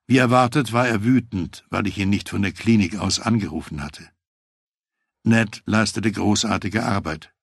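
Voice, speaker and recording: A man reading a first-person memoir aloud, telling the story in a measured, reflective way. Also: lowish voice, gravelly, slightly rough, no echo, studio quality. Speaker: audiobook narrator.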